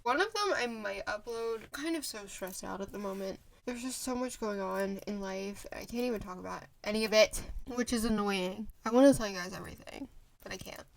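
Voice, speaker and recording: This vlogger, a woman in her twenties, speaks briskly in a gravelly, mid-range voice while filming on her phone. She rambles casually, stopping and restarting amid plenty of fillers.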